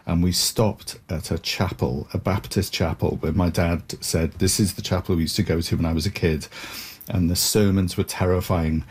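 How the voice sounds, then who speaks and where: This middle-aged man from South Wales has a low, darkish, husky voice. As an interview guest, he talks reflectively and articulately, telling stories in a thoughtful way.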